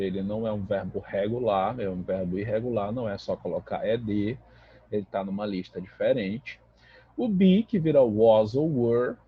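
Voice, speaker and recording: A man's voice: fairly low pitch, breathy edge, no echo, muffled recording. A Brazilian man, a native Portuguese speaker, teaching an English grammar lesson in a patient, explanatory way that keeps checking in with the class.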